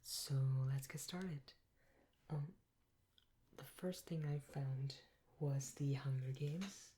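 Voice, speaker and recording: A woman soft-spoken a role-play as a helpful, patient librarian, breathy and gentle, close to a binaural microphone. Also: sits low. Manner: gentle, unhurried customer-service talk with pauses. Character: helpful, patient female librarian serving a patron. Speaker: ASMR performer playing a librarian. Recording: close binaural mic with clear hiss.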